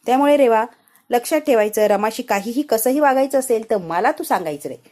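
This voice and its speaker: A woman's voice: on the high side, animated, fairly quick, warm tone, close to an everyday voice. A woman voicing a stern husband lecturing firmly. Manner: firm, repeats himself insistently. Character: stern young husband lecturing his wife.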